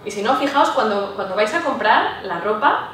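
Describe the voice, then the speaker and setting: A woman giving a public talk to a live audience, often checking in with her listeners with a quick "¿sí?". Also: on the high side, animated, a bit bright, slight background noise. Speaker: lecturer. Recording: echoey room, voice from far off.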